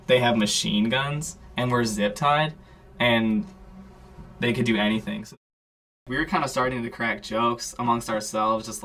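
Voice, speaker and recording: A young man giving casual interview testimony about a raid, rambling with many fillers and acting out the shouted lines. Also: mid-range voice. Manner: rambling, filler-heavy, acts out shouted quotes. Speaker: raid eyewitness.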